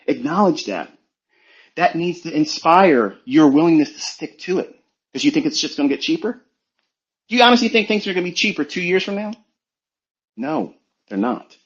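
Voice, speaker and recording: A man's voice: a little high, highs cut off. A man coaching traders in a blunt, preachy, profane motivational talk on a live audio space. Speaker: trading coach.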